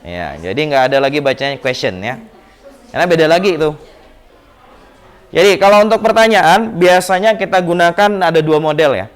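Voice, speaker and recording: A man with an Indonesian accent teaches an English lesson in a classroom. His voice sits a little high. He explains patiently and repeats words over and over to drill pronunciation. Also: lively intonation, fairly quick.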